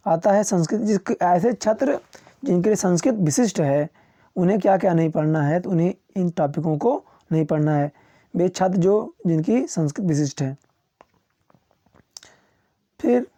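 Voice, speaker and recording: A male coaching teacher going through a syllabus, listing topics one after another and chuckling now and then. His voice is very dark and mellow. The recording is dry and close, with no room sound. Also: high-pitched, dry recording. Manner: slows down to read English titles. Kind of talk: syllabus walkthrough for students.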